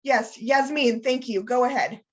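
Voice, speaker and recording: A woman's voice: a little high, moderate pace, a bit bright, dull audio, close to an everyday voice. A woman playing a well-meaning male math professor in a read-aloud training scenario, addressing the class stiffly and hesitantly. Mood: awkward. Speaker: student leader reading a training scenario.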